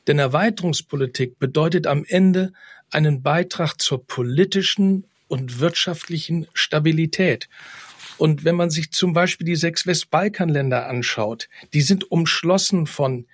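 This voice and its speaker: Politician guy on the radio, smooth confident answers, highish voice, dry studio sound. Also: measured pace, no room sound. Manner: fluent, assured, speech-like. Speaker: guest politician.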